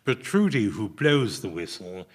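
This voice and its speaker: A man on a comedy panel game, speaking in a dry, terse, deadpan way. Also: on the low side, unhurried. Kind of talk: witty panel game talk.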